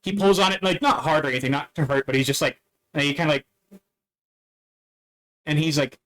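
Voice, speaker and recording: A man narrating a tabletop game as dungeon master, halting and full of fillers and restarts. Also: fairly high pitch, fairly bright tone, low-quality recording.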